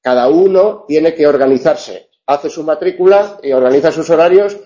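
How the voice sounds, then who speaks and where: A man's voice: on the high side, moderate pace, warm tone, dull audio. A man teaching a university class, wry and digressive, often restarting his sentences. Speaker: university tutor. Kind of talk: classroom lecture with questions.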